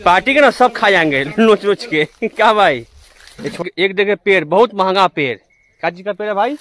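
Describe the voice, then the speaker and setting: A man's voice: sits high, moderate pace, fairly bright tone. A young man who drives trucks, chatting casually to his viewers from farm fields beside his truck and filming on a phone. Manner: chatty, addresses viewers directly. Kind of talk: casual vlog narration.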